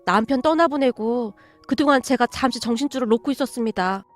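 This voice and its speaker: A woman's voice: a little high, brisk, soft background music, lightly acted. A woman reading a radio story, voicing a humble, earnest widowed mother who speaks politely. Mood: grateful.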